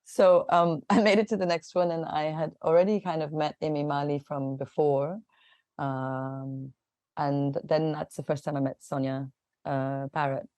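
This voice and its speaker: Woman guest in her forties from Kenya, mellow low voice, loose chatty delivery with restarts. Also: level tone, unhurried, dry recording. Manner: chatty, laughs often, many fillers and restarts. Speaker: guest artist. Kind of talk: casual interview.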